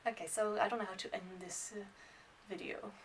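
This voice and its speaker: Chatting off the cuff to camera, this twenty-something student vlogger from France and Ireland switches between French and English with a mid-pitched, slightly rough voice, a little fast and fairly even in intonation. Her talk is rambling, hesitant and mildly self-deprecating, and she sounds a bit distant from the microphone.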